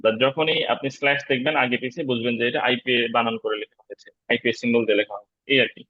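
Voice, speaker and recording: A man teaching an online spoken-English class in a relaxed, explanatory way, pausing often on fillers. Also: mid-range voice, dry recording, lo-fi sound. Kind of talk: online lecture on pronunciation. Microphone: video call.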